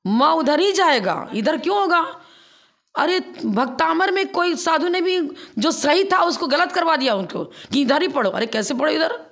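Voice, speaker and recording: A woman's voice: high voice, expressive, fairly bright tone. A woman, a nun, giving a religious discourse and explaining step by step how to recite verses. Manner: explains step by step, acts out chanting slowly. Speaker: Jain nun teacher.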